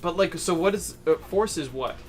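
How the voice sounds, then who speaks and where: A young man hosting a stream, chatting casually over drinks in an animated, self-mocking way, swearing often. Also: a little high, moderate pace. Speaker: streamer host. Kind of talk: casual chat while drinking.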